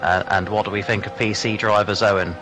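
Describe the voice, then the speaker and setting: A man's voice: lowish voice, steady tone, fast. A man commentating a sim racing league broadcast, joking and laughing with his co-commentator. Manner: jokey, laughs often, teasing banter. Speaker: race commentator. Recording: commentary over loud background music.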